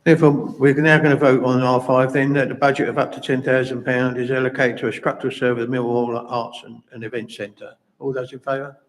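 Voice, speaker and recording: Male chair running a council vote, steady and procedural, mid-range voice. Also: mid-range voice, poor audio. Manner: measured, procedural.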